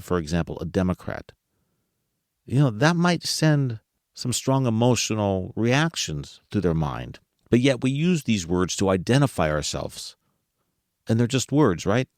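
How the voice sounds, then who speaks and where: A man's voice: fairly low pitch, sing-song, moderate pace, a little mellow, dry recording, clean studio sound. A man hosting a podcast, talking casually to listeners, asking them rhetorical questions and chuckling as he goes. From United States. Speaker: podcast host.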